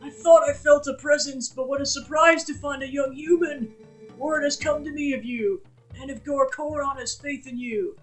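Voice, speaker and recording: A streamer putting on a slow, soft old man voice for a kindly elder of a rock-like tribe in a video game. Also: high-pitched, fairly even intonation, soft background music, voice pushed up, close to an everyday voice. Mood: earnest. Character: old male rock-folk elder, kindly, creaky back. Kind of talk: reading game dialogue aloud.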